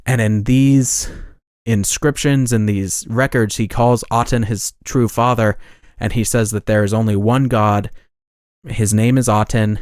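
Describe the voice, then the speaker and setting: A man's voice: on the low side, steady tone, measured pace, darkish tone, no room sound, studio quality. A man hosting a podcast, talking casually in a rambling way with many restarts and self-corrections. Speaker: podcast host.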